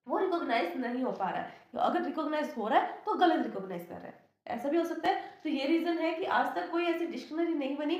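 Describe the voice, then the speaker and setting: A woman's voice: high-pitched, darkish tone, echoey room. A woman lecturing as a teacher with an Indian English accent, explaining step by step and asking and answering her own questions. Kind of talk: classroom lecture.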